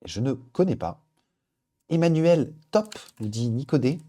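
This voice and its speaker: In an unhurried, animated way, a male livestream host chats casually through suggestions from viewers, thinking aloud with upbeat energy. His voice is mid-range and mellow.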